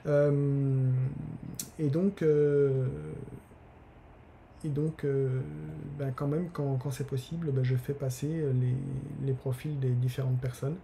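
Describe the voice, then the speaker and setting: A man's voice: mid-range voice, little pitch movement, slow pace, gravelly, mellow, slight background noise. Hesitant man live-streaming from his desk. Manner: hesitant, many fillers and restarts. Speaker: newsletter author hosting a live giveaway stream. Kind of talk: casual live-stream talk.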